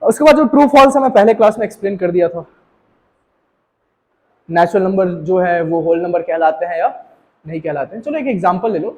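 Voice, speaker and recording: Addressing his students directly, this man from India runs a maths lesson in Hindi sprinkled with English terminology, often asking whether they understand. He sounds high-pitched, animated and brisk, pausing often, and the audio quality is poor.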